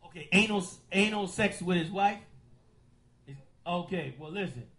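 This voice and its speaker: A man hosts a call-in radio show in the manner of a preacher. His voice sits fairly high, and he stretches out key words with slow, emphatic weight. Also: fairly bright tone, rough recording. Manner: preachy, drawn-out emphatic delivery.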